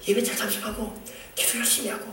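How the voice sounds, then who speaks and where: A male pastor preaches at a quick clip, with a high, bright voice. He stresses his points, calls out to the congregation and acts out family scenes. The sound is echoey, heard from a mic some distance away in a church hall. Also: flat delivery. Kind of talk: sermon. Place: church sanctuary.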